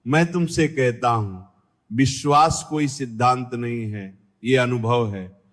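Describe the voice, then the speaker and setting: A man delivers a spiritual discourse at an unhurried, deliberate pace, his voice sitting in an ordinary middle pitch. He talks in measured, repeated phrases and speaks directly to the listener, often putting questions to them. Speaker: spiritual teacher.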